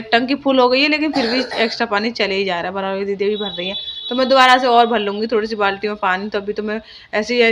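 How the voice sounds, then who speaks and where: A woman's voice: on the high side, fairly bright tone. A young woman talking casually in her home vlog about her children and the day's chores. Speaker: vlogger.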